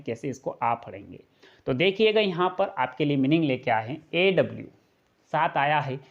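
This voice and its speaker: Patient male teacher, lo-fi lesson. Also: on the high side. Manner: repeats each point and asks rhetorical questions; patient, step-by-step explaining. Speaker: English pronunciation teacher. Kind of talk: classroom-style video lesson.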